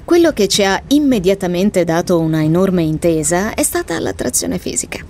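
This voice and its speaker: Lower-voiced woman reading a personal letter. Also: animated, normal speed, dark tone. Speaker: reader of a listener's letter. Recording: faint background noise.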